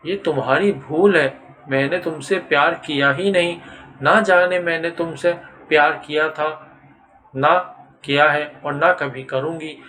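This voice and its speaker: A man's voice: on the high side, fairly even intonation, bright, forceful tone, slight background noise. A man voicing a frightened but defiant young woman who answers angrily through tears. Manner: tearful, angry defiance.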